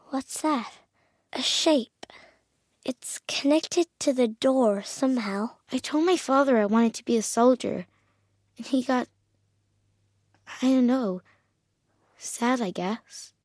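Young Aloy, high-pitched curious little girl. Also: no room sound, studio quality, heavily acted. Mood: childlike, earnest, then hushed curiosity. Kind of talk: video game voice lines.

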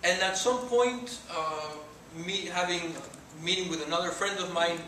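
A man in his forties from Mexico, native Spanish speaker, talks to students in a lecture room as a guest, earnest and gesturing, with a Mexican accent. The voice is high and sharp-toned at normal speed. Audio comes from a far-off camera in an echoey room, with noise.

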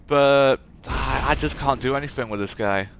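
A man's voice: mid-range voice, moderate pace, fairly bright tone, a little hiss or hum. A man giving casual live commentary on a game playthrough, playful and rambling as he chats with viewers. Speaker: game streamer.

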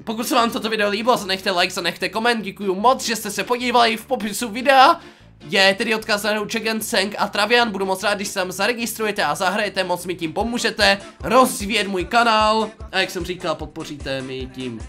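A man's voice: high-pitched, sharp tone, soft background music. A young Czech man giving playful, jokey commentary while playing a game, talking to himself and to his viewers. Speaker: gaming YouTuber. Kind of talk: casual gameplay commentary.

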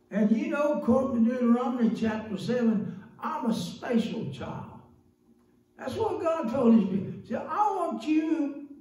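An older man delivers a slow, folksy sermon into a handheld mic in a small church. His voice sits high yet mellow. The sound is very echoey and a bit distant, as if caught from across the sanctuary. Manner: folksy, chatty preaching with frequent "praise God" and laughs. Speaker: preacher. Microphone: handheld microphone.

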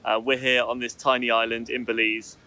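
A man hosting a casual travel vlog outdoors on a tropical island, chatty and relaxed, talking to a handheld camera. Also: mid-range voice, a little fast. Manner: chatty, relaxed, self-correcting. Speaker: travel vlogger host.

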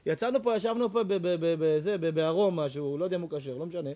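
A man's voice: a little high, dark tone, natural voice. A man voicing a naive, earnest young man reporting on a matchmaking date, within a sermon.

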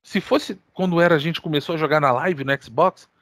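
A man with a Brazilian accent hosting a gaming podcast, telling stories in casual, animated chat full of slang and swearing. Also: fairly high pitch, a little fast, no room sound, studio quality. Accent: Brazilian Portuguese. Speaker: podcast co-host.

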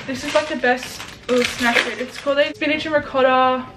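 A woman's voice: sits high, fairly even intonation, fairly quick. A young woman with an Australian accent, chatting casually and informally as a vlogger. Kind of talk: casual vlog chat. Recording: echoey room, distant mic, clear noise.

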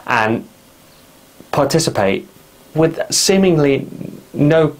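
A man's voice: on the high side, animated, slow. A man hosting a casual vlog, stumbling over his words, restarting and swearing at his own slip-ups. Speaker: vlog host. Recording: noisy background.

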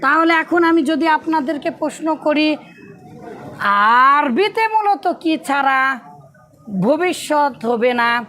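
A woman's voice: sits high, lively intonation, slow, long pauses, a crowd in the background. A woman teaching a classroom grammar lesson, asking questions and answering them herself and drilling verb forms over and over. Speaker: Arabic and English grammar teacher.

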